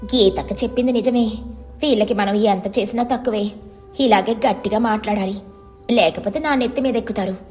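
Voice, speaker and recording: A woman voicing a stubborn, resentful young wife who snaps and complains quickly. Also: medium pitch, a little mellow, faint music behind, lightly acted. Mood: complaining.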